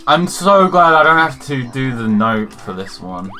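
A man's voice: medium pitch, very animated, moderate pace, sharp tone, soft background music. A man playing through a game in casual chat, hesitant and muttering, with blunt swearing. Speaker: player on a co-op playthrough.

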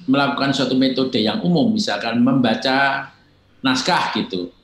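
An older man talks through his filmmaking methods in a measured, explanatory way, his voice sitting in the middle of the range. He slips into quoted lines now and then, and the recording carries a roomy echo. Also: mid-range voice, a bit bright. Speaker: film director, guest. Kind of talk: reflective interview answers.

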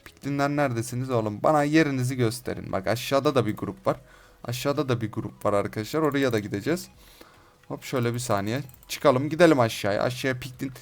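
Excitable young gamer shouting. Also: male voice, mid-range voice, quick pace, faint music behind. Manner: excitable, shouts insults and threats at game mobs; repeats phrases over and over while playing. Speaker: gaming YouTuber. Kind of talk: Minecraft let's play commentary.

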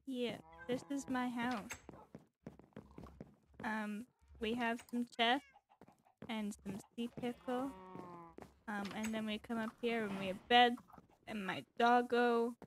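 A woman hosting a casual game tour, talking in a relaxed, chatty way with lots of ums, and her S sounds come out like a lisp. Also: fairly high pitch, takes it slowly, pauses often, slight background noise. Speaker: channel host giving a game tour. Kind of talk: casual gaming chat.

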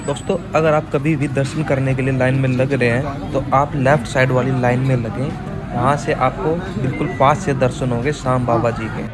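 A man with a mid-range voice explaining parking, hotel and temple queues to his viewers in a relaxed, informative tone. Loud music and a bustling crowd sit under the narration. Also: medium pitch, a little fast. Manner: informative, addresses viewers as friends. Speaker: travel vlogger. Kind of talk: travel vlog voice-over.

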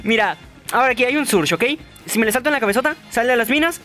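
A young man giving playful, excitable gameplay commentary to his viewers. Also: very high voice, rapid-fire, soft background music. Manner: excitable, playful, addresses viewers, shouts at big moments. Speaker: gaming YouTuber.

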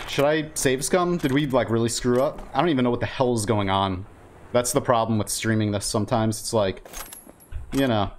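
A man's voice: mid-range voice, a little hiss or hum. Rambling male game streamer. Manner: rambling, informal, reacting aloud. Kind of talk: casual live gameplay commentary. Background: game ambience.

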